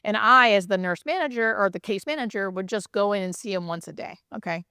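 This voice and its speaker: A woman with a mid-pitched voice speaks casually as a hospice nurse being interviewed. She explains and tells stories with emphatic repeats and little check-in questions. The sound is dry, with almost no room echo. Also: brisk, smooth. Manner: animated, emphatic repetition, frequent check-in questions like "right?". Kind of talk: casual conversational explaining and storytelling.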